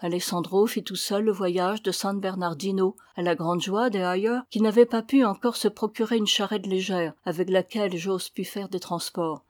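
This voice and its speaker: A woman narrating a novel in a steady, even voice of middling pitch. The recording is dry and close-miked, with no room sound. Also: normal speed, few pauses, no room sound. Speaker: audiobook reader. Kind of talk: scripted narration.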